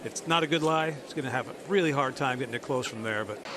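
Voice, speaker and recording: A man commentates on live golf, analysing play as it unfolds. His voice is of middle pitch and competes with very loud outdoor noise. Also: quick pace. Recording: very noisy outdoor broadcast sound. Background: loud outdoor ambience.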